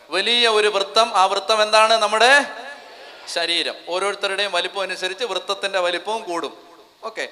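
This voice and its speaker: Bright, fervent man preaching in a hall. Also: high voice. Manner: fervent, urges the crowd to repeat phrases aloud. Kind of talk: convention sermon. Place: large convention hall. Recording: long reverb of a large hall.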